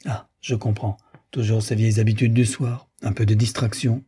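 Male reader as a tormented young suitor; earnest, pleading, low and husky. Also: little pitch movement, normal speed, dark tone. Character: lovesick, tormented young gentleman. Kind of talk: audiobook character reading.

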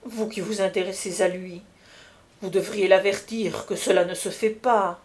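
A woman's voice: medium pitch, fairly even intonation, moderate pace, a little mellow, lightly acted. Woman reading a young duke, sly, mocking, gossiping, audiobook.

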